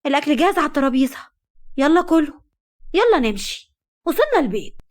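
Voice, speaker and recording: Woman doing a sarcastic young wife, Egyptian accent, high voice, fast, mocking. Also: animated, darkish tone. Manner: mocking, exasperated.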